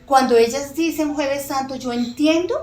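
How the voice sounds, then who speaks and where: A fairly high-voiced middle-aged woman tells a personal faith testimony as a podcast guest. She speaks earnestly and emotionally, with frequent pauses and soft fillers. The room is echoey, and faint music sits behind her.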